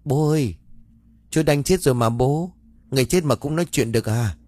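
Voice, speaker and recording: A man's voice: mid-range voice, fairly quick, a little mellow, pitched above the performer's own voice, natural voice. A man voicing a small, scared and innocent boy in an audio ghost story, speaking in a plaintive, childlike way.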